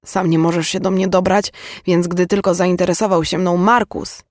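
A wounded, defiant young woman speaks with raised pitch and charged intensity, as a man reads her part. The recording is dry and close, as in a studio audiobook. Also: flat delivery, normal speed, no echo, lightly acted. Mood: scornful. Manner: intense, emotionally charged delivery. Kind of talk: audiobook character reading.

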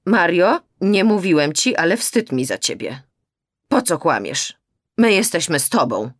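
A woman voicing a stern, quiet older father in an audiobook, speaking slowly and low. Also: animated, gravelly, no room sound, studio quality, heavily acted. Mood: grave. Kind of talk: audiobook character voice.

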